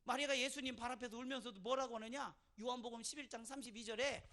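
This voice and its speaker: A male pastor delivers a sermon in church, his voice bright and pushing forward. He tells stories quietly, then swells into loud preaching. He draws the congregation in with repeated calls for an amen. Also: very high-pitched, fairly even intonation, quick pace. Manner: call-and-response, asking the congregation for amen; moves from soft storytelling to loud preaching.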